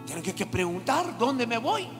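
A woman preacher delivers an impassioned sermon, calling out to the congregation and rising to shouts. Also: fairly high pitch, sing-song, normal speed. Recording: reverberant hall with music behind.

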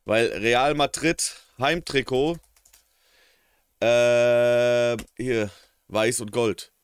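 A man's voice: mid-range voice, fairly even intonation, extremely slow, smooth, no room sound. A man hosting a rap reaction video, talking casually and slangily, quoting lines back half-rapped.

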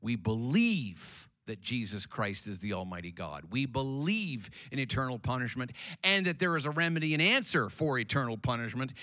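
A man's voice: medium pitch, very animated, moderate pace, bright, forceful tone. A man preaching a sermon as pastor, emphatic and repetitive, calling on the congregation to respond, in a church sanctuary.

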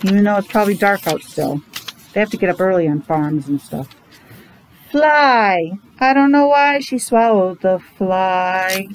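Speaking a little slowly with lively intonation and a medium pitch, this preschool or elementary teacher, a middle-aged or older woman, reads aloud to young children in a classroom. Her mask muffles her slightly, she adds chatty asides and questions, and there's slight background noise.

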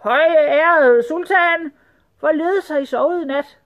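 A woman's voice: sits high, lo-fi sound, voice pushed up. A woman voicing a nervous, fawning male rat general who stammers.

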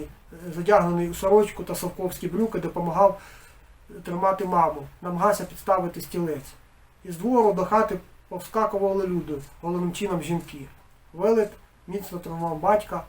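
A man, the author, reading aloud from his own novel with expressive delivery, hushing for eerie passages. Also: high voice.

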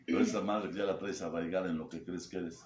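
His voice sits low and darkish, his tone steady, and he talks fast: a Mexico City sponsor at a recovery group meeting. The testimony is crude and mocking, played for laughs, with him acting out quoted voices and swearing. Echo and background noise fill the room.

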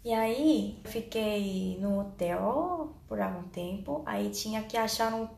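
Slow-talking young Korean-accented woman. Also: mid-range voice, creaky, a little mellow. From South Korea. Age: young adult. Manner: simple, careful second-language phrasing. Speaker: vlogger. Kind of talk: casual storytelling to camera. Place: small bare indoor room. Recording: roomy echo, faint background noise.

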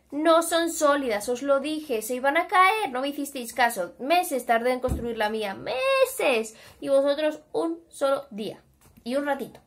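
A boastful little piglet lecturing his lazy brothers in a storybook, as a woman puts him on, with a lively, rising-and-falling voice. He sounds self-satisfied and scolding. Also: high voice.

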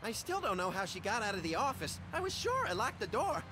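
Cartoon game rabbit: small, gleefully unhinged, high voice, wildly swooping delivery. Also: male voice, sing-song, fairly quick, over music. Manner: gleeful, mischievous. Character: gleefully manic little male cartoon rabbit with violent streak. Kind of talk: cartoon video game acting.

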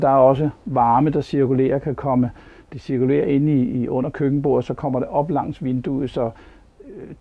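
A man's voice: medium pitch, gravelly. An older man plainly giving his opinion on a caravan while seated inside it. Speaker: caravan reviewer. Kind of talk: casual product review. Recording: slightly dull recording.

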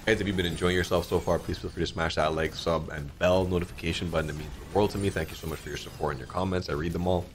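A man in his thirties giving casual, excitable commentary while playing an online slot game, often swearing and jumping up in pitch at big moments. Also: fast, few pauses, a little hiss or hum. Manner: excitable, swears a lot, frequent pitch jumps. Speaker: slot streamer. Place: dim home streaming room, indoors.

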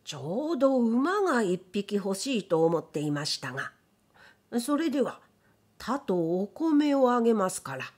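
A woman's voice: fairly high pitch, sing-song, unhurried, darkish tone. A woman voicing a polite middle-aged man, the master of a house, in a read-aloud folk tale, speaking courteously.

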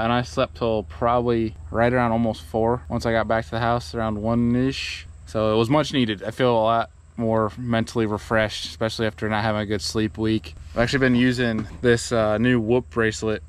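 A young man casually talking to an action camera held at arm's length outdoors, relaxed and rambling with fillers and small laughs. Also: mid-range voice, a little fast, few pauses, smooth. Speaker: kayak fishing vlogger. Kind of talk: casual vlog talk to camera. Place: outdoors on a lawn by a truck.

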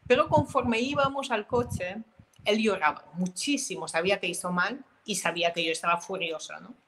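Woman guest telling a story about her kid, animated, keeps correcting herself, middle-pitched voice. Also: normal speed, slight background noise, rough recording. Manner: animated storytelling with laughs, self-corrections and quoted dialogue. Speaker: guest, mother and author. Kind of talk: storytelling in an interview.

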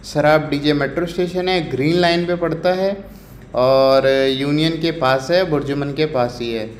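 A man's voice: a little high, steady tone, unhurried, a little hiss or hum. A man from India walking through a night market outdoors, talking casually to viewers with lots of fillers and English words mixed in. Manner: chatty, many fillers, mixes Hindi with English words. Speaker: travel vlogger. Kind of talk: casual walking vlog narration. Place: busy city street market at night, outdoors. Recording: echoey street with faint ambience.

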